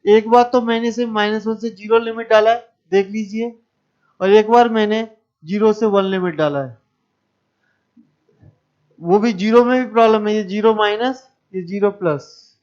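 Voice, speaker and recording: A man's voice: high voice, fairly even intonation, normal speed, long pauses, a little mellow, clean tone, highs cut off. A man teaching math to a class, explaining step by step and asking the students questions. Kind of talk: classroom lecture.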